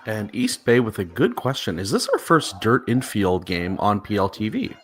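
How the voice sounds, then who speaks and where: A man with a fairly low voice adds casual, conversational commentary to a live baseball game. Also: very animated, moderate pace, slight background noise.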